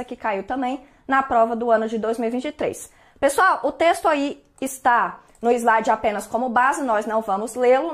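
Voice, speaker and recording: A woman with a Brazilian Portuguese accent, teaching an online exam-prep lesson in a chatty way and checking in often with her students. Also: a little high. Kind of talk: online lesson, going over exam answers.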